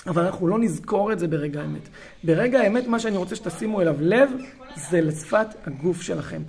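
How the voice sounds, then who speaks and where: Guy running a parenting class, lively, acts stuff out, keeps checking everyone gets it. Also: high voice, vocal fry. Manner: animated, acts out scenes, often asks "you understand?". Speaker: parenting coach for a parents' group. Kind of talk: recorded lesson addressing parents.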